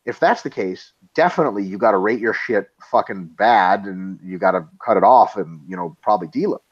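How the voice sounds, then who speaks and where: This webinar co-host has a husky voice on the low side, with lively intonation and a slightly fast pace, heard through dull audio. He reads listener questions and fires back blunt, emphatic answers full of swearing.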